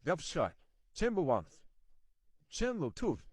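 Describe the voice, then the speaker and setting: A man's voice: on the high side, wildly swooping pitch, slow, a little mellow, breathy edge. A man instructing taekwondo, giving short, clipped commands and counts for kicking drills.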